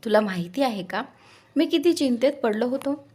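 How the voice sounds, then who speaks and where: A woman's voice: on the high side, expressive, moderate pace, a little mellow, breathy edge. A woman reading a worried young lover. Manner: worried, earnest. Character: anxious protective young man, devoted lover.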